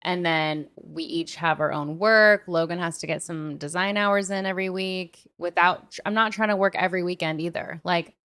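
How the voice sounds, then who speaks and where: A woman co-hosting a podcast chats casually in a voice slightly on the low side, steady in tone and at normal speed with hardly any pauses. She's informal and slangy, thinking aloud in everyday conversational language.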